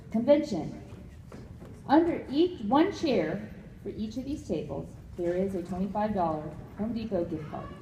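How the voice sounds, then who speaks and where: A woman's voice: mid-range voice, warm tone. A woman hosting an event and making unscripted announcements to an audience. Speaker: event host. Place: large indoor convention hall. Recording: echoey noisy hall, busy crowd.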